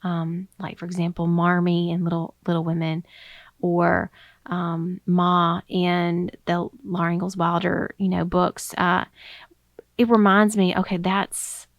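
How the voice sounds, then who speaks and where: A young woman talks through a casual solo podcast, her voice sitting a little low for a woman. She sounds slightly out of breath and rambles, filling pauses with ums and restarting her sentences. The recording is dry and close. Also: level tone, no echo, lo-fi sound. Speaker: podcast host.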